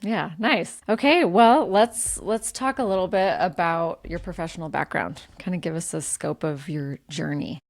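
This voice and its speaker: A woman's voice: fairly low pitch, normal speed, hardly any pauses. A woman hosting a podcast interview, asking questions in a friendly, conversational way. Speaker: podcast host.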